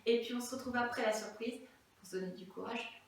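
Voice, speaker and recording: A woman's voice: a little high, brisk, a little hiss or hum. A woman teaching young children remotely, playful and sing-song, telling little stories to explain spelling. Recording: very echoey room, far from mic.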